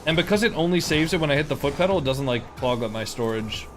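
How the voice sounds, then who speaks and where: A man's voice: on the high side, animated, fast, noisy background. A young man streaming a game, chatting casually in a rambling way full of fillers and restarts. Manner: rambling, filler-heavy, indignant. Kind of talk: casual live-stream chat.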